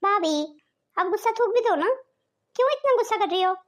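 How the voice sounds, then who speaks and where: A woman's voice: very high-pitched, animated, brisk. A woman voicing a scheming, sweet-talking teenage daughter in a cartoon story. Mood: coaxing. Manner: wheedling, coaxing.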